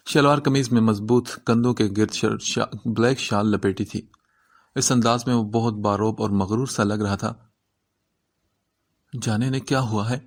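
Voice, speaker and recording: A man reading an Urdu romance novel aloud as narrator, in an even storytelling manner. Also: fairly low pitch.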